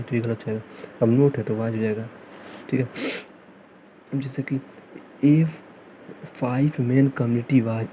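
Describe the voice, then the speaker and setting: A man teaching English grammar in a fast revision lesson, repeating points and reading English examples out slowly. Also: medium pitch, mellow, slight background noise, rough recording. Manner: repetitive, drilling, reads English examples slowly.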